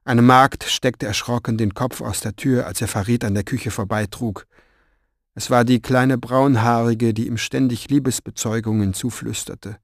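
A man narrating an audiobook in a calm, measured storytelling manner. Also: mid-range voice, no room sound, studio quality.

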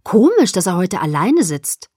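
A gossipy schoolgirl friend in a storybook, sounding incredulous, as a woman narrator puts her on. The voice sits slightly low and the recording is dry and close. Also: sing-song, a little slow, darkish tone, no room sound.

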